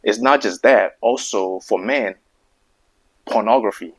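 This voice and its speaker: A man hosts his own video with a casual opinion monologue to camera, stuttering, repeating words, and making the same emphatic points again and again. He keeps a measured pace, and his fairly low voice sounds fairly bright and slightly rough.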